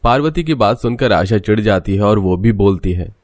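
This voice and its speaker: Low-voiced male cartoon narrator. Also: lively intonation, normal speed, darkish tone. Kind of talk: scripted storybook narration.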